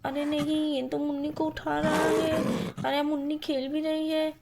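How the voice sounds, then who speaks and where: Very high-pitched woman narrating. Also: flat delivery, measured pace, creaky, loud music behind the voice. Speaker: narrator and doll cartoon voice actor. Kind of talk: storytelling narration.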